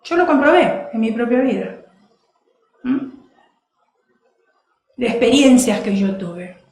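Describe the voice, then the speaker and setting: A woman preacher giving a sermon, animated and laughing, acting out other people's voices. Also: fairly high pitch, slow pace, roomy sound.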